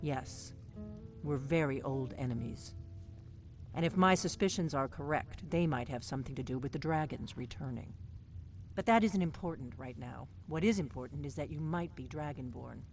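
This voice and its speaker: An actress voices a veteran female agent in a video game, guarded and driven, speaking tersely and with authority. Her voice rumbles low at a normal speed with a darkish tone, and the mood is grave and urgent. Game music plays behind her.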